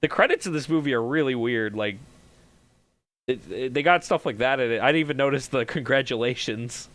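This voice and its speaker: A man co-hosting a casual movie podcast, excitable and swearing casually as he talks. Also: mid-range voice, fairly quick. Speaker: podcast co-host.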